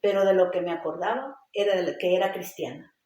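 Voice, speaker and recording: A woman's voice: on the low side, fast talker, warm tone. A woman giving a personal testimony in a casual interview, telling it with animation and acting out the voices she quotes. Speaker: interview guest. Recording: roomy echo.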